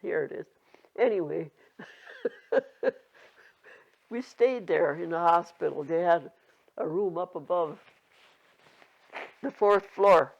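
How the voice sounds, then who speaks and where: A very old woman in her nineties reminiscing casually, halting and rambling, with a creaky aged voice. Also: on the low side. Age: 90s. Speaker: interviewee. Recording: dull lo-fi home recording.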